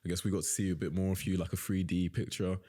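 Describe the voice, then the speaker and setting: A young man in his twenties co-hosts and interviews on a casual podcast, rambling and filling his speech with "like" and "you know." His deep, husky voice is warm, with little pitch movement, and he talks fast.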